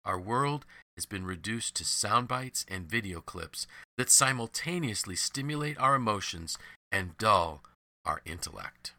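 A man reads a devotional story in a measured, earnest way. His low voice has a sharp, forceful edge. The recording is dry and close, with no room sound. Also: animated, dry recording. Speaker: devotional narrator.

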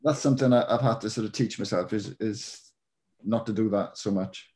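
Man, Welsh accent, soft-edged mellow timbre, hesitant, informal chat. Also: fairly low pitch, brisk. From Wales. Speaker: author, interview guest. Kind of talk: casual chat.

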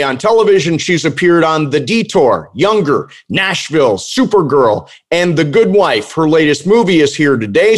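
A man hosting a pop culture podcast, chatting casually and introducing his guest with upbeat energy. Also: on the high side. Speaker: podcast host.

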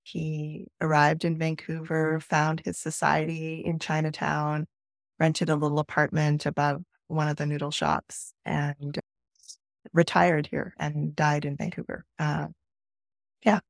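A middle-aged podcast guest, born in Peru and now from northern Alberta, Canada, is a native Spanish speaker sharing personal stories in an interview. Her low, level voice carries a noticeable vocal fry and is recorded close and dry. She speaks in a measured, reflective way.

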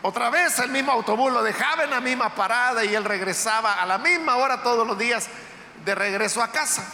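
A man with a very high, sharp, bright voice preaches a sermon in a church, retelling a story in a conversational, unhurried way. The sound is roomy, with long reverb from the hall and a faint hum of ambience behind him. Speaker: pastor. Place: church sanctuary.

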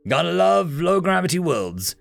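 A man's voice: fairly high pitch, big pitch swings, normal speed, creaky, dry recording, soft background music, voice pushed up, heavily acted. A man voicing a cheerful, teasing young male explorer in an upbeat way. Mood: playful.

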